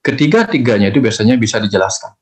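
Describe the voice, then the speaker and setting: Low-voiced man teaching slowly. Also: expressive. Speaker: spiritual teacher answering questions. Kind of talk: calm reflective teaching talk.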